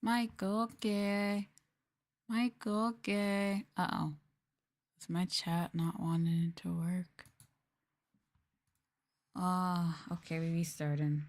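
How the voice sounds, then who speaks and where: Fairly low and a little mellow, her voice keeps fairly even intonation, moving slowly with long pauses. A VTuber livestreamer, she chats in a soft-spoken, informal, rambling way with viewers, using "like" and "y'all" often.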